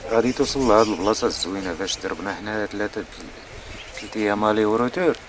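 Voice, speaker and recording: Low, fast-talking Moroccan man, explaining. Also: crowd noise. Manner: mixes French words into his talk. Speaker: local caving guide. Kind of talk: informal explaining to a visitor.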